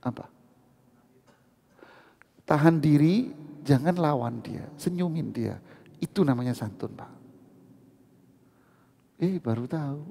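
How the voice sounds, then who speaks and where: Animated gravelly man preaching in a mosque hall. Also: on the high side, slow, pauses often. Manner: animated, teasing, asks the audience questions. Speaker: ustadz giving a mosque study session. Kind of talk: lively mosque sermon with jokes and questions to the congregation.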